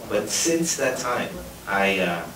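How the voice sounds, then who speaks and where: With a lowish voice that swings widely in pitch, this Guatemalan-born, New York-raised man talks slowly and earnestly, speaking loosely and spontaneously as a forensic anthropology panelist at a public discussion. The lecture hall is roomy and noisy, and the mic is distant.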